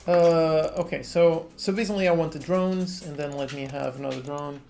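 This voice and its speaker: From his home office indoors, a Portuguese man in his thirties livestreams himself working on a game, casually reading out chat questions and answering frankly in a relaxed tone. He has a Portuguese accent, a fairly high voice with vocal fry, and a normal speed, over quiet lofi music.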